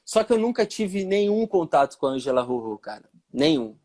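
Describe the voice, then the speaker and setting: A man from São Paulo state with a Paulista accent, telling stories casually in a live interview and acting out the dialogue he quotes. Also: fairly quick. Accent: Paulista Portuguese. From São Paulo state, Brazil. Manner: animated, acts out quoted dialogue with pitch jumps. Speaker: percussionist guest.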